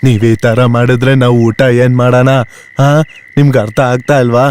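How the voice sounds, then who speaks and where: An actor playing a coarse, bossy gang boss who scolds the group over money. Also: male voice, mid-range voice, level tone, normal speed, darkish tone, smooth, soft background music, natural voice. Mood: scolding. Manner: coarse scolding, then coaxing. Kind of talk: film drama acting.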